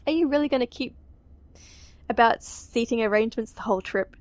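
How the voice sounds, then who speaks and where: A woman's voice: a little high, a little fast, dry recording, close to an everyday voice. A woman voicing a chatty, teasing teenage girl in a visual novel game.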